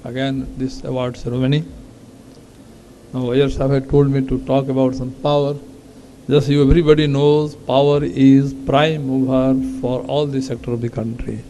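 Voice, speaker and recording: A man's voice: mid-range voice, little pitch movement, normal speed, dark tone, slight background noise, rough recording. An older man with an Indian English accent giving a formal speech to an audience, earnest and lecturing. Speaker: invited speaker.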